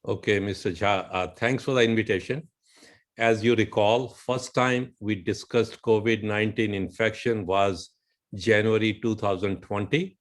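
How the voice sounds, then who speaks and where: A man with an Indian English accent, a physician guest, explaining at a measured pace and citing figures. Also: lowish voice, steady tone.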